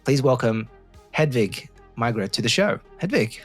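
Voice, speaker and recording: A man's voice: medium pitch, lively intonation, moderate pace. Male podcast host with faint music. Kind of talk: casual podcast interview.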